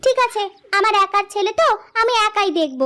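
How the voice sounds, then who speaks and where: A woman's voice: very high voice, lively intonation, a little fast, pushed and bright, heavily acted. A woman voicing a doting, emotional village wife and mother in a cartoon, pleading and indulgent. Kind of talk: cartoon voice acting.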